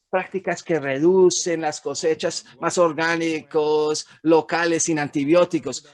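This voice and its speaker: A man, an economist, giving a frank, emphatic webinar presentation over slides, with some fillers and restarts. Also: on the high side. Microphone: webinar recording.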